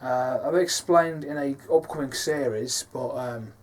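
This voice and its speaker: A filmmaker speaks casually about his films in a behind-the-scenes talk, his mid-range voice a little slow. He's rambling and hesitant, with lots of fillers.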